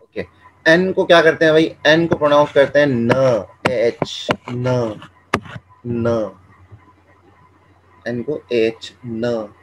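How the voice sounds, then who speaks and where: A man teaching Chinese pronunciation, repeating each sound several times and explaining in a relaxed, conversational way. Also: medium pitch, noisy background. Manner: drills each sound slowly, repeating syllables. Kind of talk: classroom-style language lesson.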